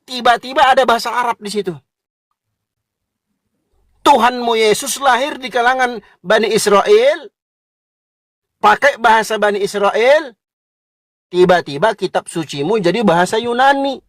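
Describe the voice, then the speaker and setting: Combative high-voiced preacher, dry sound. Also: male voice, moderate pace, long pauses, fairly bright tone, no echo. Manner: combative, mocking, addresses listeners as "kau". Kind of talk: polemical religious lecture.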